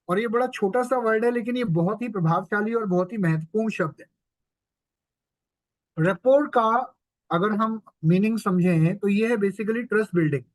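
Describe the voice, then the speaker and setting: A man's voice: high voice, no room sound. A man giving a sales training lecture, explaining step by step, mixing in English terms and often checking in with his listeners. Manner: mixes English terms into Hindi.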